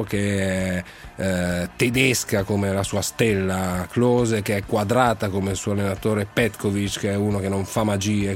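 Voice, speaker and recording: A man with a voice hoarse from a cold, hosting a football call-in in a halting, searching way. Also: fairly low pitch. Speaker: radio sports call-in host. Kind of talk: live football talk with callers.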